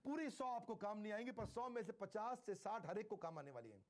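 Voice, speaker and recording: A man with a high voice delivers a sales training talk. He hammers on key phrases, repeating them slowly and firmly, and slips English terms into his teaching. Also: animated. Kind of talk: motivational sales lecture.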